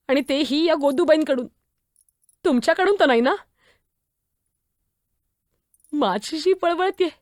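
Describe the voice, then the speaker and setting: Performing a one-woman stage drama, a woman plays a spirited young girl saint devoted to her brothers, blunt, sharp-tongued, and indignant as she pleads expressively with people who aren't present. Her voice is high-pitched. The recording is dry and studio-clean.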